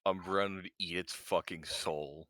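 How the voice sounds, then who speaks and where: A man's voice: low-pitched, steady tone, a little slow, a bit bright. A man playing a tabletop game, chatting casually in a playful, sweary way.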